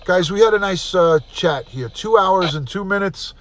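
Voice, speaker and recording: A man's voice: high-pitched, lively intonation, normal speed, dry recording, lo-fi sound. A man, hosting a live stream and chatting casually as he reads out viewer names and thanks them. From United States. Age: 50s.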